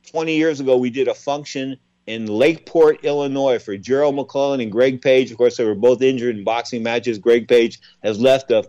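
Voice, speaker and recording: A man in his sixties hosting a radio talk show, chatty and animated as he tells stories and asks questions. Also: medium pitch, dry recording, dull audio. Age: 60s.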